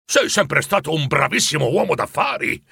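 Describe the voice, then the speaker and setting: A man voicing a frightened old miser who tries to act calm, speaking in a nervous, shaky way for a storybook reading. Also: a little high, moderate pace, gravelly, husky, no room sound, studio quality, full character voice.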